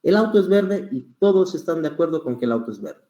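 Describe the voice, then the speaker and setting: A patient man teaching public speaking, walking through each point with examples. His voice is warm and mellow, and he plays with slow stretches and louder emphasis. The sound carries a roomy echo. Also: fairly high pitch, very animated, muffled recording. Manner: patient, explains with examples, varies pace and volume deliberately. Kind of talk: online class teaching.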